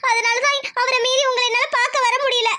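A shy, fearful young village woman in a cartoon love story, played by a woman. The voice is squeaky-high and bright, and it rushes along in anxious, hushed pleading. She sounds torn and nervous throughout. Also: flat delivery. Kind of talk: cartoon voice acting.

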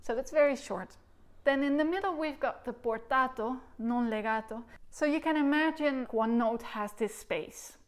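A high-voiced woman in her thirties from the Netherlands, speaking at a moderate pace with a Dutch accent, gives a recorder lesson from a sofa at home. She patiently explains articulation and demonstrates syllables out loud with gestures.

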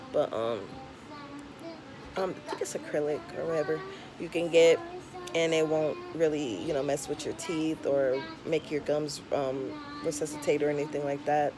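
Frank and conversational, a young adult vlogger gives advice to camera in a low-pitched voice, lisping slightly due to her tongue piercing. It's a casual home video shot on a camera or phone at arm's length, with background noise clearly present.

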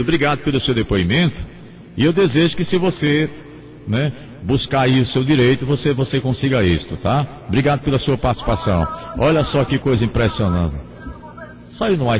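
A male radio host with a northeastern Brazilian accent, his pitch rising and falling with animation as he talks with callers. He sounds chatty and friendly. Faint noise sits under this broadcast recording. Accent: Brazilian Portuguese, northeastern. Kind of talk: call-in radio talk.

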